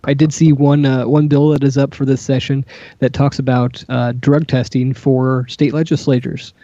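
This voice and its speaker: A man co-hosting a casual panel discussion, talking haltingly with many fillers and restarts. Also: medium pitch, level tone, warm tone, dry recording. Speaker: co-host. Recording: dull lo-fi sound.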